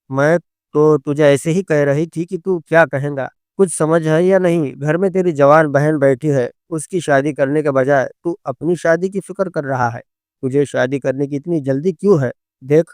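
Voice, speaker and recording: A man voicing a sharp-tongued middle-aged mother who scolds her son loudly in a storybook reading. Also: on the high side, clean tone, no echo, clean studio sound, natural voice. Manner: shouting, scolding, rapid.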